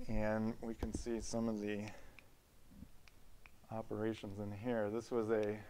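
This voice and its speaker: A man's voice: medium pitch, a little mellow, a little hiss or hum. A man giving a casual, plain-spoken walk-through tour of his sawmill as its owner. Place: outdoors around a sawmill yard, later inside a large former riding arena.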